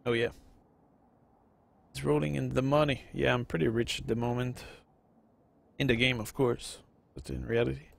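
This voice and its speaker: With a gravelly, medium-pitched voice, level tone and normal speed, this man pauses often in a dry recording. He's a Quebec French-accented gaming video host in his thirties doing casual let's-play commentary on a strategy game, chatting with viewers and rambling with many fillers.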